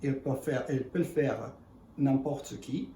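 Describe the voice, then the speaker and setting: A man in gives an unscripted product demonstration in halting, self-correcting, speech. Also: mid-range voice, dark tone. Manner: halting non-native French with self-corrections. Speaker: ice cream machine presenter. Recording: echoey room, distant mic, faint noise.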